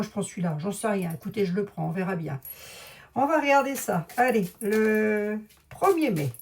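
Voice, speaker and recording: Her mid-range, slightly mellow voice comes with a faint hiss or hum in the recording. A clairvoyant with a Lorraine French accent, she rambles chattily to viewers while painting a room at home, drifting between topics and speaking directly to them.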